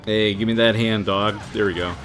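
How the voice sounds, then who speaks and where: A man's voice: on the low side, steady tone, normal speed, a bit bright. A man giving casual, jokey commentary while playing a video game, laughing often, with game music behind. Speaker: game streamer. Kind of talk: casual let's-play commentary.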